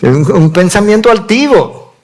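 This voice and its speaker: A man's voice: sits high, big pitch swings, normal speed, a little mellow, a little hiss or hum. A pastor preaching a sermon, teaching from scripture and changing his pace for emphasis.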